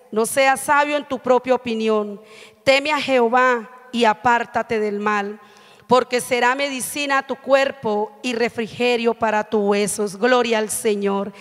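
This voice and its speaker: Middle-aged woman pastor, high pitch, earnest sermon delivery, handheld mic in a reverberant hall. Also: a bit bright. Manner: earnest, frequent "amén" and "¿sí?" checks. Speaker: preacher. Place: church stage at a pulpit.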